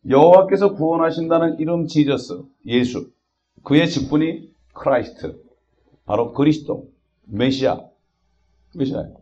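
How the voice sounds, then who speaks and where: A man's voice: on the high side, measured pace, pauses often, mellow. Older man, pastor, sermon, questions to the congregation, muffled lo-fi sound. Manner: asks the congregation questions, frequent "eh?" prompts. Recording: dull lo-fi recording.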